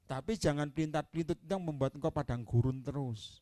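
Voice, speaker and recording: Man, evangelist preacher, Indonesian accent with Javanese touches, sermon, fairly high lively voice, dry close sound. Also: brisk, no echo. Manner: animated storytelling, swings from quiet to loud proclamation.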